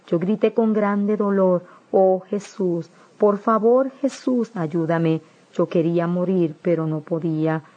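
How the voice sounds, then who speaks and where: A woman's voice: fairly low pitch, mellow, dull audio. A woman earnestly narrating a religious testimony, pleading with her listeners.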